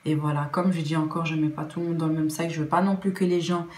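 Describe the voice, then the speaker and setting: A young Belgian woman with a Belgian French accent talks earnestly in a casual opinion vlog, often restarting sentences and using many fillers. Her voice is deep and darkish, her delivery flat and fast. The recording has a roomy echo.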